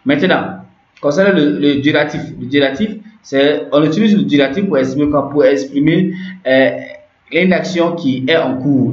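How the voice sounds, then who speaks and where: A man teaching a grammar lesson, explaining step by step, repeating terms and often checking that listeners follow. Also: mid-range voice. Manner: repetitive, checks understanding with frequent "ok". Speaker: language teacher. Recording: echoey, dull lo-fi room recording.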